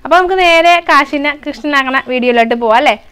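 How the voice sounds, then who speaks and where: A woman's voice: sits high, fast talker, fairly bright tone. A young mother from chatting to viewers in a casual home vlog while coaxing her toddler. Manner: chatty, coaxing, switches between talking to viewers and her child. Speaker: mother and craft vlogger. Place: home indoors.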